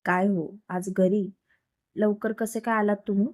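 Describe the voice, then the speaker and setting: A woman's voice: mid-range voice, fairly even intonation, unhurried, darkish tone, dry recording, clean studio sound, close to an everyday voice. Woman doing a shy young wife. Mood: sweet.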